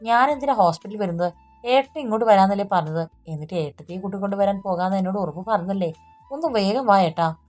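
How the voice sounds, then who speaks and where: A woman's voice: medium pitch, brisk, a little mellow, soft background music, close to an everyday voice. Brief: woman doing a young sister, impatient and pressing, storybook.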